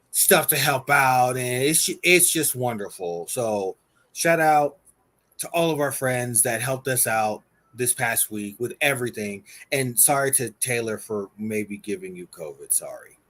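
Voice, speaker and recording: A man co-hosting a podcast in relaxed, teasing casual chat. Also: mid-range voice, measured pace. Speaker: podcast co-host.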